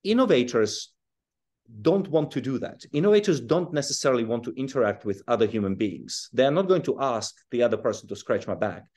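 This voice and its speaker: This guest author, a man from Czechoslovakia and South Africa, talks through his thinking in a relaxed video-call interview, pausing to restart phrases and chuckling now and then. His medium-pitched voice moves fairly quickly, though he stays thoughtful throughout.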